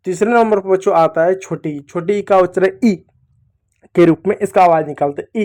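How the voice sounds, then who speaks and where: A man teaching young children to read, patiently repeating each sound slowly. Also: sits high, darkish tone. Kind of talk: children's reading lesson.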